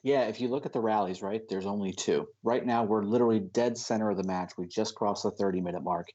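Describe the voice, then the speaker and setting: A man's voice: on the low side, fast, darkish tone, lo-fi sound. A man casting an esports match with chatty, analytical commentary. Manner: chatty, analytical, laughs easily. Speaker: esports caster.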